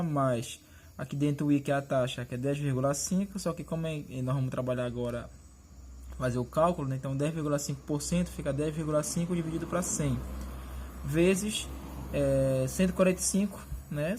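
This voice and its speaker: A male math teacher explains each step of a lesson, pointing at the board and asking quick check-in questions. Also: a little high, a little mellow, slight background noise.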